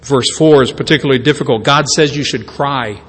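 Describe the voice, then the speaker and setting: A man's voice: mid-range voice, brisk, a bit bright, breathy edge. A man preaching a sermon as a pastor, in a conversational way with stammered restarts and self-deprecating asides. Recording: long hall reverb.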